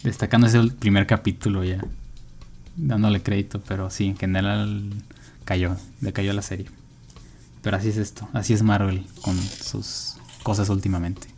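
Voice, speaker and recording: A man's voice: on the low side, flat delivery, moderate pace, darkish tone, slight background noise. A man with a Mexican accent hosting a casual podcast chat in an informal, offhand way. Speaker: podcast host.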